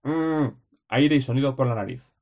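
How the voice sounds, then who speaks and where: A man reads out study notes at a middle pitch. He works through terse headings and short lists, one item after another, like someone revising for an exam. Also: expressive, normal speed, a little mellow. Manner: clipped list-like reading, terse headings. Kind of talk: reading study notes aloud.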